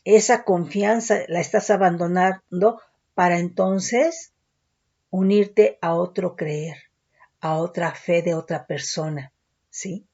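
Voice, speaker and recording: A woman preaching a sermon in a warm, mellow voice. She teaches steadily and keeps checking in with her listeners. The recording sounds dull and lo-fi. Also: lowish voice, slow. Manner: teaching, frequent tag questions.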